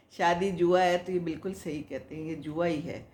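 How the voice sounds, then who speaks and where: A woman's voice: on the low side, fairly even intonation, a little mellow. Chatty older woman in an echoey room. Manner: chatty, motherly, moralizing, laughs often. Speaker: host answering viewer comments. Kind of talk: casual advice talk.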